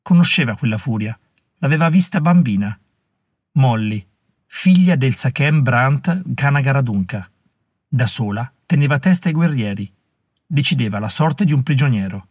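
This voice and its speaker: A man's voice: medium pitch, expressive, moderate pace, a little mellow, no room sound. Man narrating an audiobook, dry sound. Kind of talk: scripted narration.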